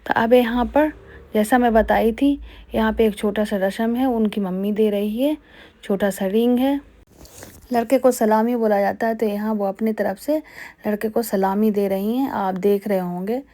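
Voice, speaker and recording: A woman's voice: mid-range voice, fairly even intonation, normal speed, mellow. A young woman, chatting casually as she explains wedding customs to her viewers. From Bihar, India. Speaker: vlogger. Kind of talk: casual vlog voice-over.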